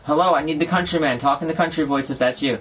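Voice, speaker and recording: A man's voice: on the high side, fast talker, fairly bright tone, husky. A young man vlogging, brash and bossy, slangy, swearing and calling people bro. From USA. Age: young adult. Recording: dull lo-fi mic with faint noise.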